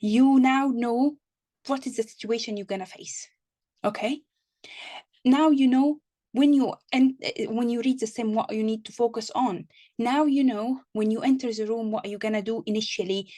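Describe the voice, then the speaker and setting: Woman, high-ish voice, exam tutor, online class, stammered restarts, reassuring. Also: moderate pace, mellow. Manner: repeats words and restarts, reassuring asides. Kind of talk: online teaching session.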